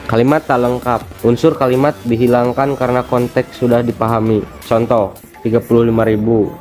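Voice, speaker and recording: A teenage boy from Indonesia, a student presenting a grammar lesson as steady reading of definitions and examples. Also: medium pitch, a little fast, faint music behind. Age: teens.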